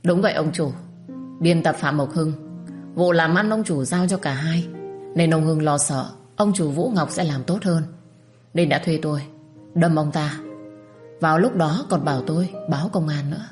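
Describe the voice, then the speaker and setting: A woman's voice: sits low, normal speed, music in the background, close to an everyday voice. A woman voicing a hired thug who confesses in a matter-of-fact way. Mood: confessing.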